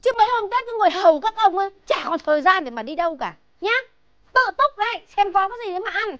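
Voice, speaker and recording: A shrill nagging wife. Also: female voice, animated, fairly bright tone, dry recording, highs cut off. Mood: complaining. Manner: shrill complaining, rapid-fire. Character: nagging middle-aged peasant wife, sharp-tongued.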